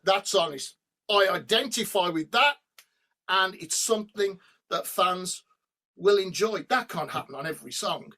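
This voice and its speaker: A middle-aged man with a fairly high voice, a rock singer appearing as a podcast guest over a remote call, tells lively stories in an interview. He curses freely and slips into humming and bits of song.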